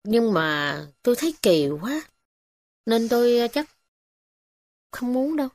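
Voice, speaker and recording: A woman's voice: on the high side, sing-song, unhurried, darkish tone, no echo. A humble poor village man, voiced by a woman reader speaks hesitantly with a Southern Vietnamese accent. The recording is dry and close.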